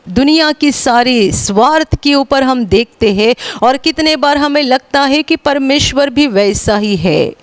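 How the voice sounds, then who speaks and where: High pitched indian woman preaching slow and earnest, dry close sound. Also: no room sound. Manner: earnest, repetitive, rises in pitch for emphasis. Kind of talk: Hindi sermon.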